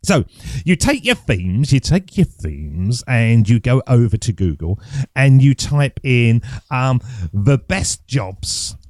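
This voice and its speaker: A man's voice: mid-range voice, very animated, unhurried, darkish tone, no echo. A man hosting his own podcast, chatting loosely and thinking aloud as he looks things up. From England. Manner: chatty, rambling, thinks aloud while searching online. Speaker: podcast host. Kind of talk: casual solo podcast teaching. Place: at home desk. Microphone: close studio mic.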